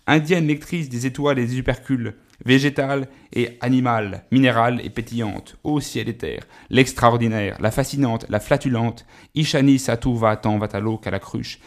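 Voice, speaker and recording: Pompous French man reciting grandly. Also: medium pitch. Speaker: comic performer. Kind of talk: mock-solemn poetic recitation.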